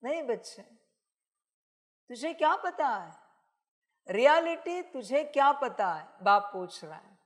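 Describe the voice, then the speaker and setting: A woman's voice: high voice, big pitch swings, takes it slowly, long pauses. A woman giving a channeled sermon, speaking as a divine father to her children, scolding them with emphatic rhetorical questions. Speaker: spiritual messenger.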